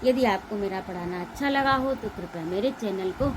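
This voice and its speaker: A woman's voice: mid-range voice, moderate pace, noisy background. A Hindi teacher reading a one-act play aloud and explaining its lesson to her students.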